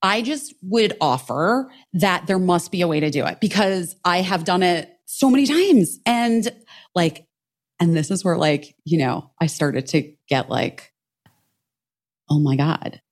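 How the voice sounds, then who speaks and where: A woman co-hosting a podcast, telling a story in casual chat, animated and swearing freely while acting out what others said. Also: on the low side, measured pace. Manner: animated, swears a lot, acts out quotes. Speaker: podcast co-host.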